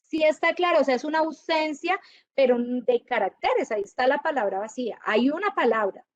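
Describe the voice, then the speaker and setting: A woman teaching a university class, lively and often checking whether her students follow. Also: high-pitched, a little fast, no room sound, muffled recording. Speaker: university lecturer. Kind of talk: classroom lecture.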